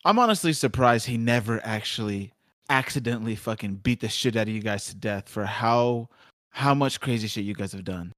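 A man's voice: on the low side, a little fast, fairly bright tone, no room sound, studio quality. A young man chatting casually, reacting and joking. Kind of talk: casual chat.

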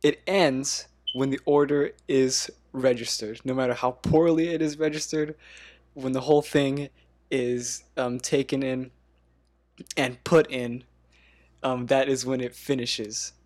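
Male podcast host, mid-pitched, halting, laughs a lot. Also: fairly even intonation, a little mellow. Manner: halting with many ums, laughs often. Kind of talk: casual podcast game hosting.

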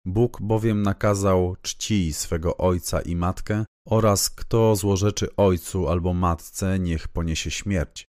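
A man reading scripture aloud in a measured, even, solemn way. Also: low-pitched, dry recording, studio quality. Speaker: Bible reader.

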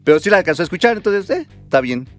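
A man's voice: sits high, big pitch swings, racing, faint music behind. A man with a Mexican accent hosting a live radio show in a casual, chatty style. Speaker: radio host.

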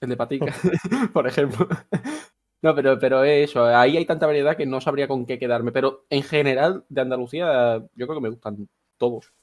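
A man with a Melillan Spanish accent chats easily as a podcast co-host. His voice is mid-pitched, and his delivery is relaxed and conversational. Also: a little fast. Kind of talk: casual chat.

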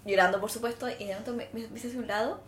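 A young Chilean woman co-hosting a casual podcast chat, retelling events with animated quoted dialogue and easy swearing. Her voice sits a little high. The room gives it a noticeable echo. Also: racing. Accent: Chilean Spanish. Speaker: podcast co-host. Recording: echoey room.

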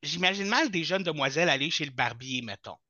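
A man's voice: on the high side, expressive, a little fast, sharp tone, dry recording. A man with a Quebec French accent hosting a casual interview, teasing his guest with jokes, on a dull lo-fi recording. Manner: teasing, jokey. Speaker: podcast host.

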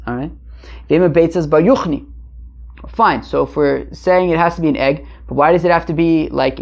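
Male teacher, conversational and halting, gravelly voice, explaining religious text; dull lo-fi sound. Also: fairly high pitch. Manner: conversational, halting, asking and answering his own questions. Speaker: Talmud teacher. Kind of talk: informal Talmud lesson, translating as he goes. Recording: muffled lo-fi recording.

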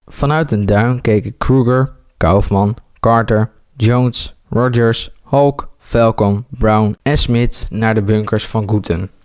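A man reading a homemade war story aloud, halting with slips and restarts. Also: lowish voice, darkish tone.

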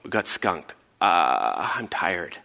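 A man's voice: sits low, big pitch swings, takes it slowly, gravelly, pushed and bright, pitched below the performer's own voice, exaggerated voice. A man voicing a weary, exasperated fisherman in a retold story, with a long reverb on his voice. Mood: tired, reluctant.

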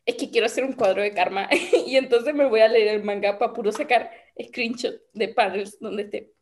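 Giggly Chilean young woman, slightly high. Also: normal speed, a little mellow. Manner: chatty, trails off and restarts, giggly. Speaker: podcast co-host. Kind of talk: casual chat.

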